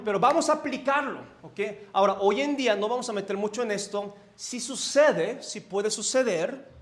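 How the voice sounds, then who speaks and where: High-voiced Mexico City pastor preaching. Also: male voice. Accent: Mexico City Spanish. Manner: animated, asks the congregation questions, swings between loud and soft. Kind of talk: conversational sermon. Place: church sanctuary.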